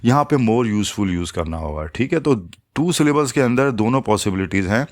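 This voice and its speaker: A man whose voice sits on the low side gives a patient English grammar lesson, moving step by step. He slows his pace to spell out each English example.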